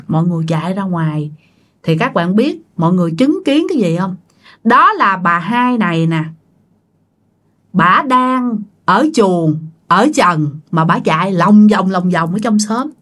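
A woman telling a ghost story, chatting directly to her listeners. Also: medium pitch.

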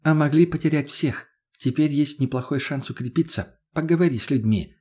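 A man's voice: fairly high pitch, normal speed, dark tone, breathy edge. A man voicing a sly, persuasive businesswoman of about thirty in an audiobook. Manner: knowing, persuasive.

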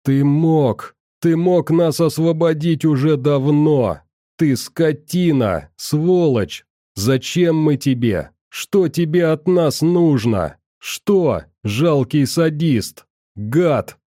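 Man doing a screaming angry young woman, pitched way up, dark dry tone. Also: expressive, slow pace, no room sound. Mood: furious. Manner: yelling, insulting. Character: furious young woman, hot-tempered.

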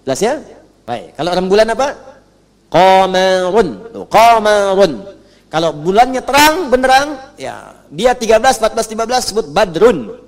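A man teaching Quran recitation to a class, animated, chanting verses slowly and having the listeners repeat after him. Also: sits high. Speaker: religious teacher. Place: large hall on a stage. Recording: long hall reverb.

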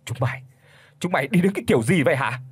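A man voicing a frantic middle-aged father who pleads and shouts in a hurry, with a husky voice. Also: a little high, sing-song, dry recording. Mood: furious. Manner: desperate, shouting, hurried.

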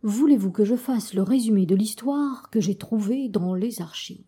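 Une femme qui prête sa voix à un vieil esturgeon, poli, doux et savant, dans un conte lu. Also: female voice, medium pitch, normal speed, slightly rough, natural voice. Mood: excited. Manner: polite, gentle, bookish. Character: old kind learned male sturgeon.

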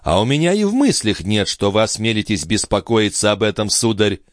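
A man voicing a proud young noblewoman, distraught and furious, crying out in a raised falsetto. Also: lively intonation, a little fast, no room sound, studio quality, natural voice. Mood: haughty. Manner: shrieking, sobbing cries in a raised falsetto. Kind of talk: dramatic audiobook reading.

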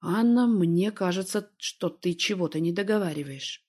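A woman reading an audiobook, voicing a calm, evasive man who talks in an unhurried, teasing way. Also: on the low side, close to an everyday voice. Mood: calm, coaxing. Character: calm, evasive middle-aged man, smooth talker.

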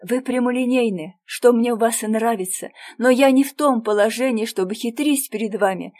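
A woman's voice: on the high side, moderate pace, darkish tone, lightly acted. A woman voicing a remorseful young woman gambler in a storybook reading, pleading and earnest.

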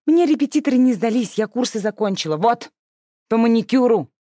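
Woman doing a shrill, bratty teenage girl. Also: animated, fairly quick, mellow, no echo, clean studio sound, close to an everyday voice. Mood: cheeky, whiny. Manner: petulant, shrill outbursts. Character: sixteen-year-old girl, brash, whiny, cheeky.

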